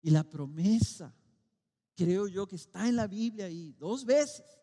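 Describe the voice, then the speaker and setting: A middle-aged man with a Mexican accent preaches from the pulpit in a fairly high voice. He swings from loud calls down to near-quiet, stressing words slowly. The hall around him rings with a long reverb. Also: expressive. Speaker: pastor. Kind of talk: sermon. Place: church sanctuary.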